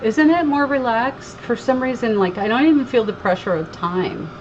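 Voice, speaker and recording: A slightly high-pitched woman from Connecticut, with a faint Southern twang, hosts a crafting livestream at a moderate pace, chatting with viewers as she works. She's talkative, reads comments aloud and laughs easily. The audio has its highs cut off and a little background noise.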